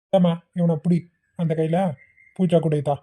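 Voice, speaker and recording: A woman's voice: fairly low pitch, little pitch movement, normal speed, phone-quality sound, lightly acted. A woman voicing a kindly elderly man in a cartoon who frets while minding a crowd of children. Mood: flustered. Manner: fretful, flustered. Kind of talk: cartoon voice acting.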